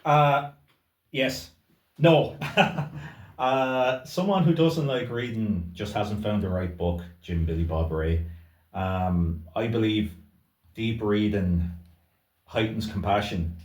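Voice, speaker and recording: A man with an Irish accent, a bookseller co-hosting a casual book chat, talking thoughtfully with pauses and easy laughs. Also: fairly low pitch, darkish tone. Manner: thoughtful, hesitant, laughs easily. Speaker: bookseller, co-host. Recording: roomy sound, distant mic.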